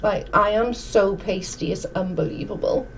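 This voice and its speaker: A South Welsh woman in her forties hosts a casual livestream from a dim room at home, chatting with viewers and reading out their comments. She speaks in a mid-range voice at a moderate pace. The recording is muffled and clearly noisy.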